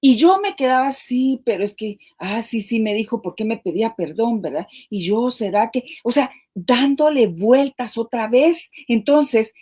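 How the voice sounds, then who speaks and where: Woman co-hosting a marriage livestream, higher-ish voice, keeps tossing in little "right?" asides. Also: expressive, normal speed, few pauses, mellow, breathy edge. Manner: conversational, checks in with frequent rhetorical asides. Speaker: marriage talk co-host. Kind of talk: live-streamed marriage talk. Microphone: live stream microphone.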